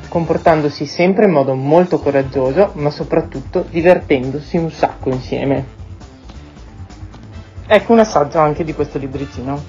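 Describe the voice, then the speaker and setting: A woman radio host presenting and reading children's books in a clear, steady voice. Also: low voice. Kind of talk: scripted radio book presentation. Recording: dull lo-fi radio sound.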